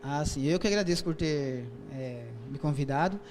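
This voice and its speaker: A man's voice: fairly high pitch, moderate pace, a crowd in the background. A man with a Brazilian Portuguese accent, a poet and author interviewed as a guest, explaining poetic forms patiently with frequent fillers and restarts. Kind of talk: interview, explaining and reciting poetry.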